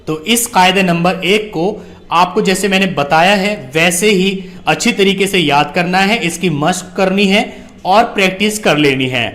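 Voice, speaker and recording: A man teaching Quran reading, spelling letters out slowly and deliberately, then explaining the lesson. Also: sits high, a bit bright.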